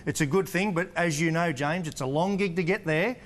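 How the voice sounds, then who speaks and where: A man's voice: fairly high pitch, fairly quick, slight background noise. A man co-hosting a motorsport TV show, asking drivers direct, chatty questions. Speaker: TV co-host and pit-lane reporter. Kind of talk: television interview.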